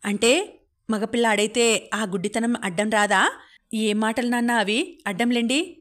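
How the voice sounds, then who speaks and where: A woman's voice: a little high, moderate pace, a bit bright, close to an everyday voice. A woman narrator voicing a young husband who sternly defends his wife against his father, in an audiobook. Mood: indignant.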